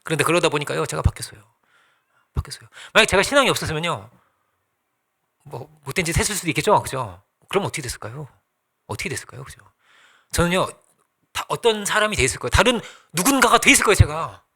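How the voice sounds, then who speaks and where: A man's voice: fairly high pitch, sing-song, fast, creaky, long pauses, sharp tone, breathy edge. A man pastor preaching a sermon in a conversational way, asking the congregation questions and acting out little quoted exchanges.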